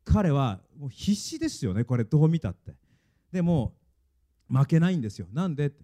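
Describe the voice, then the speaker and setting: A man preaching with a very dark, mellow tone and a lively, swinging pitch. He speaks earnestly and stresses his points, a pastor addressing his congregation. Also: brisk. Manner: earnest, emphatic preaching, leads congregation in reading. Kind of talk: sermon.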